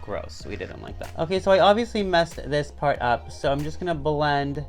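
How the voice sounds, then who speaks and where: A man chatting through a beginner makeup tutorial, self-mocking and swinging between loud and soft. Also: sing-song, moderate pace, soft background music. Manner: chatty and self-mocking, with big jumps in pitch and loudness. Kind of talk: casual makeup tutorial chat.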